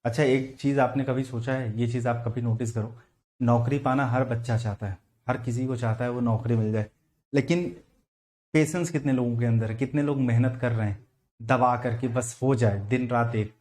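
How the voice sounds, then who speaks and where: A man's voice: medium pitch, steady tone, darkish tone. Man teaching vocabulary with Hindi-accented English. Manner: explains slowly, repeats and spells words, asks questions of students. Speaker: English teacher for exam prep. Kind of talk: online vocabulary lesson.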